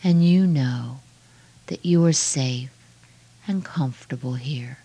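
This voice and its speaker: A woman guiding a relaxation meditation in a soft, hushed, soothing voice with measured phrases that trail off breathily. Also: extremely low pitch, husky, dull audio. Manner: slow, measured phrases with long pauses. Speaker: relaxation guide.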